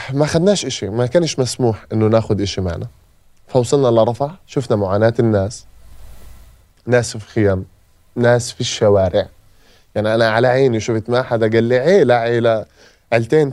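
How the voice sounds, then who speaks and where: As a podcast guest, a man from Gaza with a Palestinian Arabic accent gives an emotional personal testimony, repeating phrases for emphasis. His medium-pitched voice is warm and fast, with no room sound.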